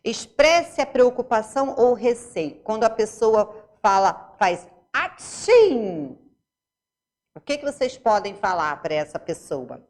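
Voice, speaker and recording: Woman, Brazilian Portuguese accent, primary school teacher, animated rising and falling intonation, patient step-by-step explanation. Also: fairly high pitch. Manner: explains slowly, asks checking questions to pupils. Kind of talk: remote classroom lesson.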